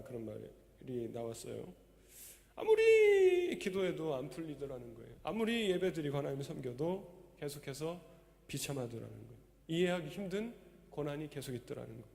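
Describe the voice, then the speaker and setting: Male pastor preaching sunday sermon, kinda high voice, gets loud and emphatic. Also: vocal fry. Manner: emphatic, rising to loud exhortation. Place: church sanctuary. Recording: long church reverb.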